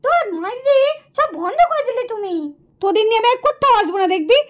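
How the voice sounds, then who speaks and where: Puppet show: woman as an exasperated scolding mother, high and quick. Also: animated. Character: scolding mother of two young girls.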